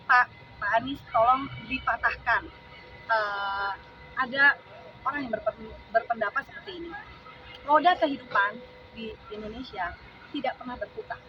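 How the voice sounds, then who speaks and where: A middle-aged woman giving an impassioned, earnest speech at an outdoor gathering, halting now and then with fillers. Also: fairly high pitch. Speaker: speaker at a supporters' gathering. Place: outdoors at a large public venue. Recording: distant muffled outdoor recording. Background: outdoor noise and passing vehicles.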